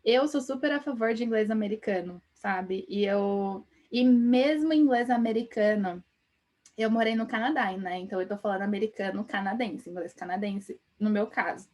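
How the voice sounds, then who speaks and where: A woman's voice: medium pitch, normal speed, darkish tone. A young woman with an interior São Paulo accent, teaching a chatty live-stream lesson and ending lines with tag questions. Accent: interior São Paulo Portuguese. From Brazil. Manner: chatty, lots of tag questions, laughs often. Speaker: English teacher.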